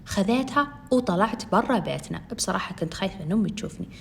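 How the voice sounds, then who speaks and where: Young woman, storytime narrator, very fast, chatty. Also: medium pitch, animated, creaky, slight background noise. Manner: chatty, addresses listeners directly. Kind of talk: first-person storytime narration.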